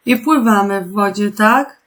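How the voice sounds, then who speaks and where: Slow, patient woman teacher. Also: mid-range voice. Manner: slow, patient, clearly articulated instructions; gently addresses pupils with questions. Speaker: primary school teacher. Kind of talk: remote lesson for young children.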